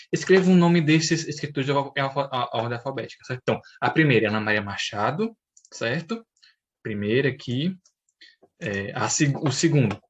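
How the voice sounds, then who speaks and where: A man's voice: medium pitch, fairly bright tone. A man teacher, casually going over answers in a recorded lesson, full of fillers and constant check-in tag questions. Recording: dull lo-fi recording.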